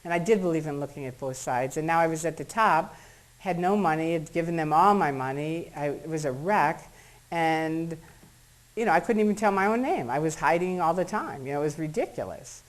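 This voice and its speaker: Middle-aged American woman, slightly low voice, lively first-person account to a crowd, voices the people she quotes. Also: moderate pace, rough recording. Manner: animated storyteller acting out quotes in shifting voices. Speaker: speaker at a public talk. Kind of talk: personal story told to an audience. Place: meeting room before an audience.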